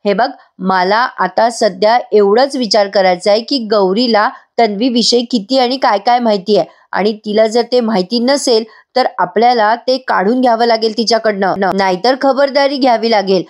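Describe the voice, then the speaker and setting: A woman's voice: on the high side, normal speed, hardly any pauses, darkish tone, lightly acted. A woman reading the lines of a worried male teacher who feels guilty and defensive, in her own storytelling voice. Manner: read out plainly in a storytelling voice.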